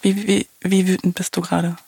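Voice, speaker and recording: A man's voice: sits high, level tone, brisk, vocal fry, darkish tone, husky, dry recording. A man interviewing a guest, asking his questions politely and a little hesitantly.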